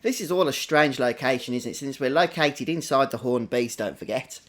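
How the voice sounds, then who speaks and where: This British livestream host speaks at a normal pace in a medium, slightly bright voice. He chats casually over his gameplay and welcomes each viewer individually.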